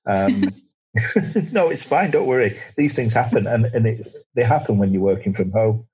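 A man hosts a casual podcast chat. His voice sits a little low and sounds husky, and he talks in a friendly way, often restarting his phrases. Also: animated, normal speed, a little mellow. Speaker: podcast host. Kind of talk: casual interview.

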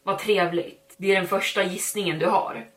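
A woman reading the lines of an emotionless, quietly menacing husband who is a killer, in a storytelling podcast. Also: mid-range voice, steady tone, lightly acted. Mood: cold.

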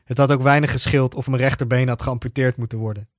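A man reading a first-person story aloud in a steady, even narrating voice. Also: mid-range voice, fast talker, slight background noise.

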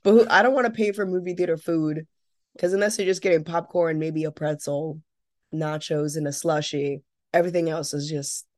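A young adult woman co-hosting a podcast, telling an animated, casual story with some swearing. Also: low voice, moderate pace. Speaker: podcast co-host. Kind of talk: casual chat.

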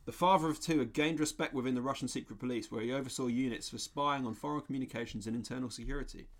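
Man, podcast co-host, casual storyteller, middle pitch, easy chuckles. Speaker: podcast co-host presenting stories. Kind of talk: casual chat.

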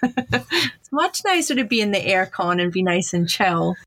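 A woman's voice: medium pitch, big pitch swings, a little slow, fairly bright tone, no echo, faint music behind. A middle-aged woman from Scotland with a Scottish accent, chatting upbeat as an interview guest and laughing often. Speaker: guest, chief digital officer. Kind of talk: casual interview chat.

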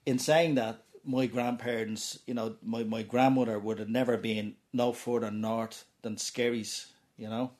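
A man with a Dublin accent answering interview questions, halting and repeating his words. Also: medium pitch, fairly even intonation, darkish tone. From Ireland. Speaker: interviewee, taxi driver.

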